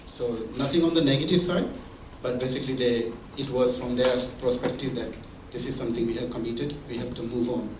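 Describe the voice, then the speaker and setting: A man's voice: mid-range voice, steady tone, a little fast, hardly any pauses, noisy background. A man giving a conversational talk at a mentoring event, explaining with examples and frequent restarts. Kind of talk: conversational presentation. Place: meeting room or hall. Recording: echoey room from far off.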